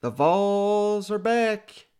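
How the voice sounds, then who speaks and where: A man with a fairly high voice hosts a sports podcast. He talks casually and conversationally, as with a friend. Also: animated, extremely slow, a little mellow, clear, resonant tone. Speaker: podcast host.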